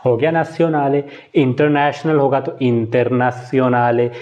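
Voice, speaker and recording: A man's voice: mid-range voice, level tone, measured pace, highs cut off, noisy background. A man teaching Italian in a live online class, explaining step by step and mixing English words into his talk. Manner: explains step by step, asks and answers his own questions; mixes Hindi-Urdu with English and Italian words.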